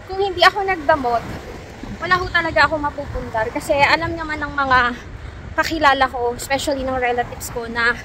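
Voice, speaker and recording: A woman's voice: high-pitched, brisk, noisy background. A young Filipina woman vlogging in a chatty, storytelling way, laughing often as she talks to her viewers. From Philippines. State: sick, low and tired. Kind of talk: casual chat to viewers. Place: outdoors in cold weather.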